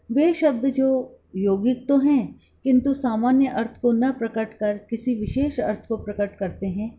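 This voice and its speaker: A woman college lecturer from India giving a scripted lesson, spelling out letters one by one in a slow, deliberate way. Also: on the high side, mellow.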